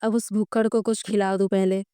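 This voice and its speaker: A woman's voice: medium pitch, level tone, a little fast, warm tone, clear, resonant tone, no echo, clean studio sound, natural voice. A woman voicing a cheeky male eagle sidekick in human form who teases his friend. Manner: teasing and cheeky.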